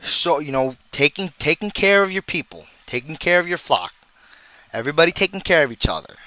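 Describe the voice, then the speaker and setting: A man's voice: fairly high pitch, lively intonation, fairly quick, bright, forceful tone, dry recording, rough recording. A man reading a list aloud and breaking off into sarcastic, rambling commentary. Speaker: video creator commenting on church.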